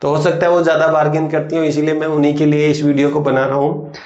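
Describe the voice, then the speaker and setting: A man with an Indian accent teaching spoken English, explaining in Hindi and saying English phrases slowly. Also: fairly high pitch, little pitch movement, darkish tone, echoey room, lo-fi sound. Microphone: writes on a board while teaching.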